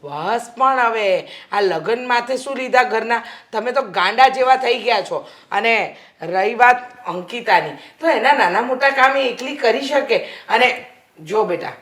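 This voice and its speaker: An actress playing a middle-aged mother who tries to calm her worried husband. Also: fairly high pitch, unhurried. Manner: soothing, placating. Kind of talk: Gujarati film acting.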